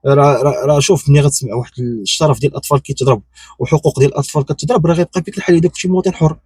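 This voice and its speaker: A man's voice: on the high side, rapid-fire, a little mellow, breathy edge, no room sound, clean studio sound. A man with a Moroccan accent giving unscripted opinion commentary, insistent and repetitive, firing off rhetorical questions. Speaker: YouTube commentator.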